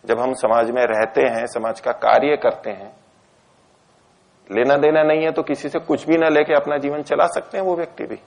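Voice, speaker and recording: A man teaching Ayurveda and ethics, lecturing calmly and answering students' questions. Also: medium pitch, creaky. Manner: calm, measured, explanatory. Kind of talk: Hindi discourse lecture with Q&A.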